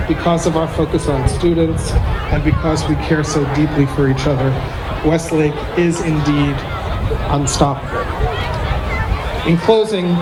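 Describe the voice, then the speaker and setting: A man giving a formal podium speech as a school leader hosting an outdoor ceremony, speaking in measured, separated phrases. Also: fairly high pitch. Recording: noisy outdoor recording with crowd sounds.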